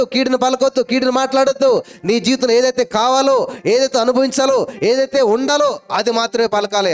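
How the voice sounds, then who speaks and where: A man preaches a sermon in a high, ringing, smooth voice. He drives his points home with rhetorical questions and repeated calls of hallelujah. Soft music plays faintly underneath. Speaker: pastor.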